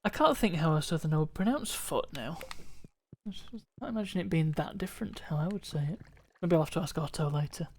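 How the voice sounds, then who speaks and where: A man's voice: a little high, animated, fast talker, darkish tone. Rambling man streaming a game. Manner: rambling, musing aloud with restarts and chuckles. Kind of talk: casual live-stream chat while gaming.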